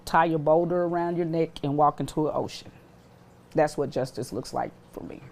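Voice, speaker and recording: A grieving mother speaking emotionally and forcefully in a news interview. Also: sits low, normal speed, a little hiss or hum.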